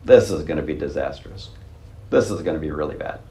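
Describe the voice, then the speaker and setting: A man's voice: extremely low pitch, lively intonation, brisk, dark tone. A male pastor preaching a conversational, wry sermon with chuckling asides. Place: church sanctuary. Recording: roomy church sanctuary.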